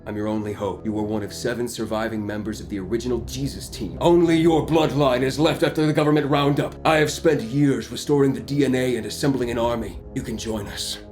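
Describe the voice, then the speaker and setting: A man voicing a grave male mentor who recruits for a secret army, speaking with solemn, deliberate heroism. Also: mid-range voice, fairly even intonation, a little mellow, faint music behind, pitched below the performer's own voice, lightly acted.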